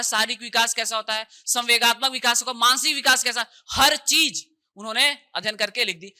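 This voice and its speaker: A man's voice: extremely high pitch, sharp tone. A man teaching an exam coaching class, chatty and repetitive, quizzing students with call-and-response questions.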